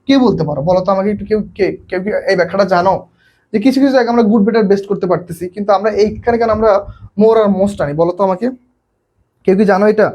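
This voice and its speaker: A young Bangladeshi man teaches a live online English lesson at a rapid clip. His voice sits high, and he keeps asking his students the same question over and over. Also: a little mellow. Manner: quizzing students, repeats questions often.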